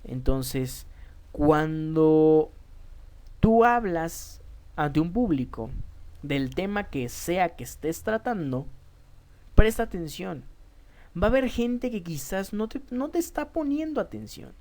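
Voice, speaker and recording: A woman with a Mexican Spanish accent teaches a public speaking lesson, her low voice mellow and relaxed. She takes it slowly and speaks emphatically to her students, often repeating a word when she restarts.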